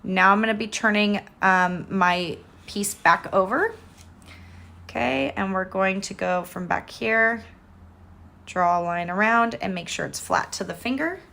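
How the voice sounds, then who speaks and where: A woman's voice: medium pitch, a little slow, gravelly, sharp tone. A woman with a mid-range voice leads a casual painting lesson step by step. She talks informally and chattily, guiding learners in an encouraging way as their instructor.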